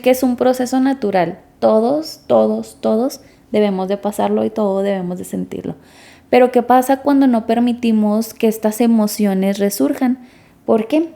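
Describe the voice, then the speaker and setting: A woman co-hosting a podcast, calmly explaining step by step in casual chat and putting questions to the others. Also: fairly high pitch, creaky. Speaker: podcast co-host explaining grief.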